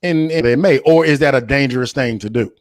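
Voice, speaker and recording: A man's voice: mid-range voice, fairly quick, no room sound, clean studio sound. A man with an American accent hosting a casual discussion, rambling and repeating phrases as he frames questions. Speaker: podcast host.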